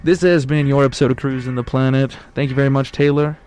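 A man hosting a casual podcast, joking and teasing his co-hosts in a deadpan way. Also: mid-range voice, fast, faint music behind. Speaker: podcast host. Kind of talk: casual chat.

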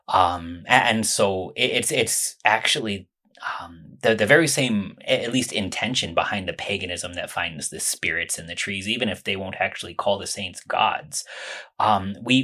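Joking man with a deep husky voice. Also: pushed and bright. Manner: dry, joking. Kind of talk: casual theological discussion.

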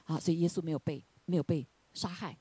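A woman preaches a sermon. Her voice is husky and a little breathy, and it is recorded close and dry with no room sound. She climbs to loud, high praise and then falls back to quiet, questioning talk. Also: steady tone, fast talker, no room sound. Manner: swells to loud exclamations of hallelujah, then drops low; asks the congregation questions.

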